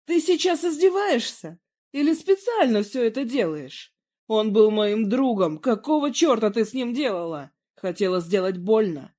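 A reader voicing a hot-tempered young man who yells and swears in a story reading. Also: mid-range voice, lively intonation, moderate pace, pitched above the performer's own voice, lightly acted. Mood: furious. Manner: yelling, swearing.

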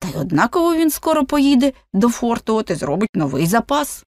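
A woman's voice: on the high side, very animated, brisk, a little mellow, dry recording, clean studio sound, voice pushed up. A woman doing a muttering male servant who likes his whiskey. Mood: grumbling. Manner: muttering to himself and his dog. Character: chatty grumbling Irish male servant, fond of whiskey.

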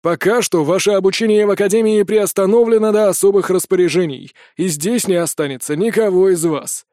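A middle-aged male school director speaks with measured authority and a deliberate pace, as a man voices him in an audiobook. The voice is fairly high and the recording sounds close and dry. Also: mellow, no room sound, natural voice. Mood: commanding.

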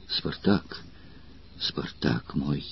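A man with a husky voice reading the lines of a passionate noble Roman woman in an audiobook, soft and anxious, often near a whisper. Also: on the low side, expressive, normal speed, highs cut off. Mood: tender.

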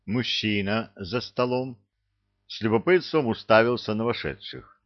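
A man narrating a fantasy audiobook in an even, measured reading. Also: lowish voice, no echo, highs cut off. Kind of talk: scripted narration.

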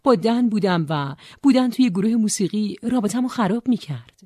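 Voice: medium pitch, sing-song, no echo, clean studio sound. A narrator voicing a weary, defensive young woman, a former singer, in an audiobook. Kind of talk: audiobook character voice.

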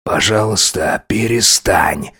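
A man voicing a domineering older father in an audiobook, slow, cold and contemptuous. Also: deep voice, gravelly, pushed and bright, breathy edge, exaggerated voice. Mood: scornful. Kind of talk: audiobook character voice.

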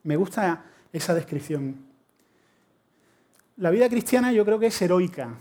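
Man, Spanish accent from Spain, middle-aged, preacher, animated storytelling sermon, humorous. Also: sits high, unhurried.

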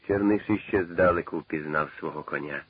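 A man with a deep, husky voice reads a novel aloud in a measured, dramatic way. The recording is dry and tinny, with the narrow sound of an old radio broadcast. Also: no echo. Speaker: narrator. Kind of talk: dramatic literary reading.

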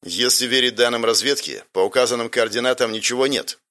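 A man's voice: mid-range voice, brisk, sharp tone, lightly acted. Audiobook: a worn-out, tough female commander with curt, clipped replies , voiced by a male reader. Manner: curt, hard-edged clipped answers. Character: weary, tough woman field commander.

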